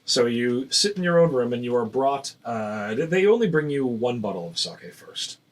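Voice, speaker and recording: A man narrating a tabletop game as game master, pausing often with fillers and restarts. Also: mid-range voice, expressive, poor audio. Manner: hesitant, many fillers and restarts.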